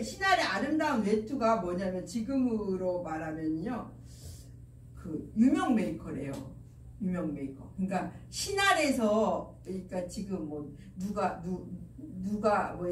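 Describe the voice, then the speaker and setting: A woman's voice: medium pitch, a little mellow. A woman preaching a sermon at a youth service in a chatty way, asking the listeners questions. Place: church hall, indoors. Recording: echoey church hall, mic far off, faint noise.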